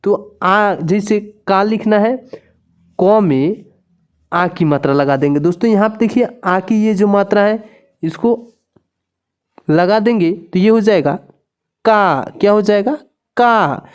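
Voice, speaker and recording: Female teacher, slow and patient delivery, mellow tone, repeats every point. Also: mid-range voice. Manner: patient, repeats each point with "friends" and questions. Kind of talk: slow step-by-step lesson.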